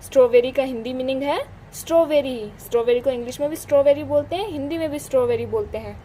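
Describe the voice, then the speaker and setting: A young woman teaching a simple vocabulary lesson, spelling out words slowly letter by letter. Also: high-pitched, dark tone, slight background noise, poor audio.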